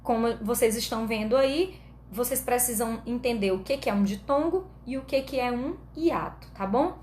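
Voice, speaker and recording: A woman teacher with a Brazilian Portuguese accent gives an online grammar lesson, explaining patiently step by step and frequently checking in with her students. Her voice is fairly high-pitched and darkish at normal speed, in an echoey room with faint background noise.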